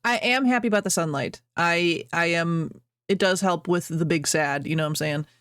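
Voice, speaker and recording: A woman's voice: fairly low pitch, normal speed, fairly bright tone, dry recording. Chatty woman streamer in a dry room. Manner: chatty, rambling, reads chat aloud, laughs often. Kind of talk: casual chat with stream chat. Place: at home, birds outside.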